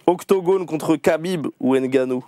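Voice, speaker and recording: Man, host, playful quick questions, laughs a lot, dry close sound. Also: a little high, warm tone, no room sound. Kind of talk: casual interview on a livestream.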